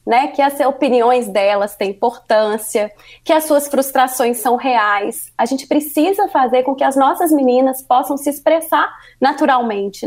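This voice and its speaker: A woman with a Brazilian Portuguese accent, answering as a guest in an interview. She explains earnestly and often adds a questioning tag. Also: high-pitched. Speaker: guest, workplace parenthood consultant.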